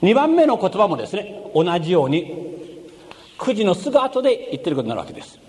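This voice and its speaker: A man delivers a sermon, reading scripture and then explaining it step by step, his voice rising for emphasis. His pitch sits fairly high for a man and moves a lot. The recording carries a long hall reverb over a faint background ambience. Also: wildly swooping pitch, fast, a little mellow. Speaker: preacher.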